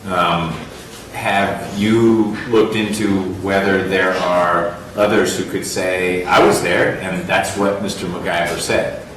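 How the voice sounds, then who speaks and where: Deep-voiced judge in an echoey courtroom. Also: male voice, flat delivery, a bit bright. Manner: measured, wry, halting with fillers. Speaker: trial judge. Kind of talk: courtroom proceedings. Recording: distant roomy courtroom audio with noise.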